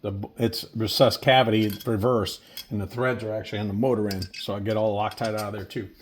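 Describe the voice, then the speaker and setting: A man's voice: lowish voice, flat delivery, a little fast. A folksy, plain-spoken man casually talking through a hands-on repair as a mechanic, with machine noise behind him. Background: air compressor and workshop tool noise.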